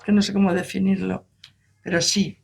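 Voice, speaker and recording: A man presents a book event and muses aloud, often pausing to find the right words. His voice is gravelly and husky, and it sits a little high. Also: flat delivery. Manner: reflective, searching for words. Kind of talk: conversational book presentation talk.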